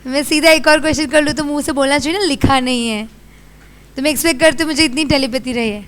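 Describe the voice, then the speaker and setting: A young Indian woman teaching a class, brisk and scolding as she quizzes her students. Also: sits high. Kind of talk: classroom lecture.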